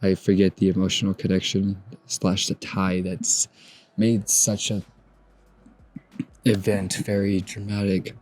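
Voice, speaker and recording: A man in his twenties hosting a solo podcast, talking through his feelings outdoors at sunrise in a soft, musing way that trails off and restarts. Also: low voice, monotone, measured pace. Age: 20s. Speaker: podcast host. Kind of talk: reflective solo podcast monologue.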